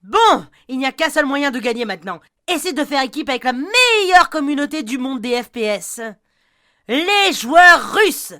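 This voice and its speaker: Bright, chatty woman narrating a game review. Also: high-pitched, very animated, brisk, few pauses. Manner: chatty, addresses the viewer directly. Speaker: YouTube host and narrator. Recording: narration with music bed. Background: music.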